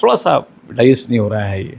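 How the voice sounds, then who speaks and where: A middle-aged male lawyer answering interview questions, explaining step by step in a measured way and mixing in English legal terms. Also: mid-range voice, big pitch swings, gravelly, darkish tone, husky.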